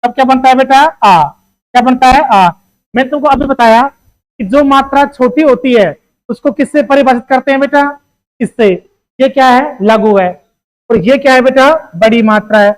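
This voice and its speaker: A teacher with a high-pitched voice runs an exam-prep grammar lesson at a normal pace, and the recording quality is low. She poses questions, answers them herself, and addresses the listeners as "beta."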